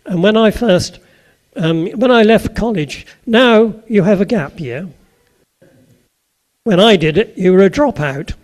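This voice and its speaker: At a measured pace, with a high voice and lively intonation, an older man from Suffolk, England, delivers an anecdotal sermon to a live audience in a Suffolk English accent. He chats easily, puts questions to the listeners, and drops in humorous asides.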